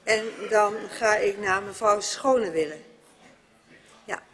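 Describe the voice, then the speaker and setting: A man's voice: high voice, slow pace, bright, forceful tone. A man chairing a council debate, politely handing out speaking turns. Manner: polite, procedural. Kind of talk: chairing a meeting. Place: council chamber. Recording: reverberant council chamber.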